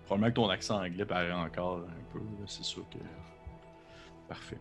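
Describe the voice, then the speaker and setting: A man's voice: low-pitched, fairly even intonation, fairly quick, faint music behind. A man running a tabletop game as game master, describing scenes casually with many fillers.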